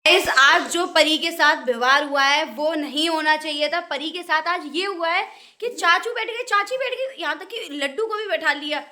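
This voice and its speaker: Young woman vlogger, high bright voice, mock-outraged and chatty, phone-filmed. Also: moderate pace. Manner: playfully dramatic, mock-outraged, addresses viewers directly. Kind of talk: casual village vlog narration.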